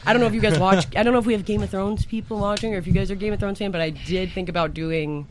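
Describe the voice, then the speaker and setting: High-pitched guy rambling on a podcast, lively, some faint hiss behind. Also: rapid-fire. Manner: animated storyteller, rambling asides. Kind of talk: casual chat.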